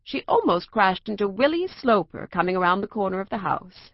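A woman narrating a children's storybook aloud in an expressive reading voice. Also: mid-range voice, brisk, no echo, dull audio.

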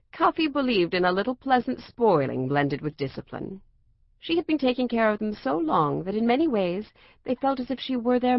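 A woman narrating a children's storybook aloud in an expressive reading voice. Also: mid-range voice, gravelly, no room sound, highs cut off.

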